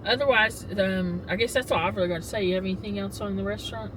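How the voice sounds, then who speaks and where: A woman's voice: medium pitch, fast talker, background noise. A tired woman, chatting casually as a vlog co-host and signing off to her viewers. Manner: chatty, friendly sign-off to viewers. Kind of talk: casual restaurant review chat.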